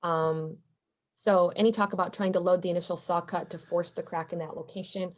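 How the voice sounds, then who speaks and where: A woman's voice: lowish voice, fairly even intonation, a little fast. A woman presenting a technical webinar, explaining steadily with frequent fillers. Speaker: concrete paving presenter.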